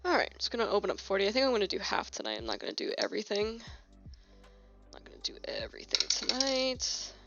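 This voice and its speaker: Fairly quick and mid-range, this young woman's voice carries a casual live-stream chat from her home desk as she works on keyboard switches. She's a little sniffly and rambles comfortably with lots of fillers and restarts. The slightly dull lo-fi phone mic, mounted on a holder, picks up faint music and clicking keys.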